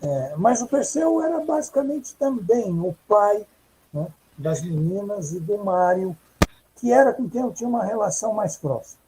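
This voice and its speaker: A man recalling a long acquaintance at a virtual book launch, speaking hesitantly with pauses and restarts, over a video call. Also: sits high, expressive, mellow, slight background noise, rough recording. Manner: hesitant, with many fillers and restarts. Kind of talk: reminiscing testimony.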